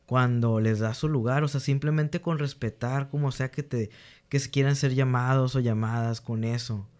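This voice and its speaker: A young man with a smooth, ordinary middle-pitched voice talks in a relaxed interview. He's a guest and a teacher, earnestly telling candid stories of his students, reenacting their dialogue and frequently starting sentences over while he gathers his thoughts.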